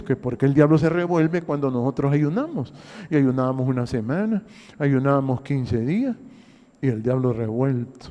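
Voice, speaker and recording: An older man with a Honduran accent, a pastor delivering an emphatic sermon full of rhetorical questions and repeated phrases, his voice rising in loud bursts and dropping to low murmurs. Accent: Honduran Spanish. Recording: long hall reverb.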